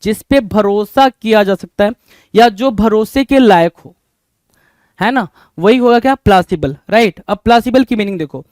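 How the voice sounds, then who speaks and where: Brief: male vocabulary teacher, smooth and resonant, keeps repeating questions to the class. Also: extremely high pitch, a little mellow, no echo. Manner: repeats each question back to students, calls them "bhai". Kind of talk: exam-prep vocabulary lesson.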